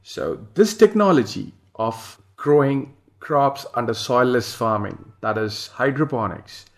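Man from India, mid-pitched, reads slides and adds remarks, some hesitation. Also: lively intonation, measured pace. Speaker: farm owner presenting slides. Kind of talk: slide presentation voice-over.

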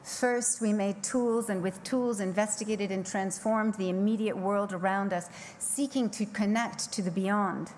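A middle-aged woman speaks from a podium microphone on a large conference stage, reading a scripted keynote in a mid-range voice. Her delivery is measured and poetic, slowing down to lean on key phrases. A faint hiss of background noise sits under the recording. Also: mid-range voice, steady tone, darkish tone. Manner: measured, poetic delivery with slow emphatic pauses.

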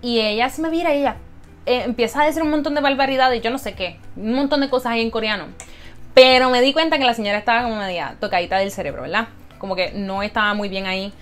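A young woman, telling a story to camera as a vlogger in an animated, dramatic way and mixing in English words. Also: a little high.

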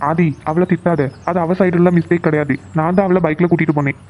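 A man's voice: on the high side, fairly even intonation, quick pace, a little hiss or hum, natural voice. A man voicing a troubled, earnest young man torn between his love and his family duties. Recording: tinny phone-like recording.

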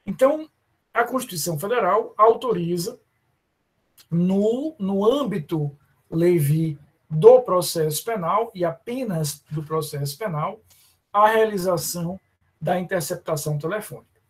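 A man with a Brazilian accent teaching a live online law class, often calling students by name and slowing down to stress terms. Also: high-pitched, breathy edge. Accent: Brazilian Portuguese. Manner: addresses students by name, many fillers and restarts. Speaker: law professor.

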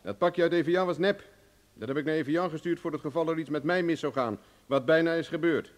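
A man with a natural, slightly high voice speaks fairly quickly, playing a radio drama role. His character is a cocky adventurer who bargains hard, sounding confident, commanding, taunting, and threatening as he mocks.

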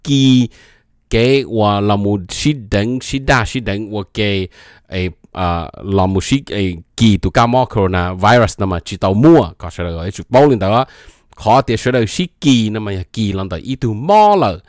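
Man, casual explainer, lowish voice, dry close sound, reads a line then talks it through. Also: moderate pace, no room sound. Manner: reads short English phrases aloud, then explains them at length. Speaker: presenter.

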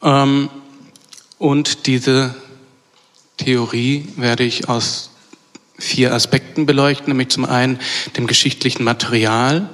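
A man delivers an academic lecture at an ordinary middle pitch. He speaks in a measured way, pausing on fillers and correcting himself mid-phrase. A long reverb of a lecture hall follows every word. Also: fairly even intonation, fairly bright tone. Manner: measured, with frequent hesitation fillers and self-corrections.

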